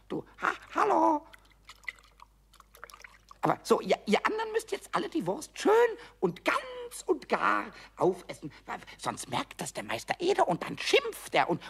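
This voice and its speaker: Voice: medium pitch, creaky, a bit bright, breathy edge, exaggerated voice. A performer voicing a mischievous little male kobold in a radio play, stammering, giggling and chattering.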